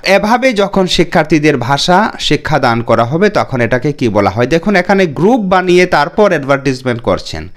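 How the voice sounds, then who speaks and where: A man with a fairly high voice walks through exam questions. He reads the English question text slowly, then explains each option in Bengali. He often repeats "remember" and "okay?" as he teaches. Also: very animated. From India. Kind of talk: exam question walkthrough lesson.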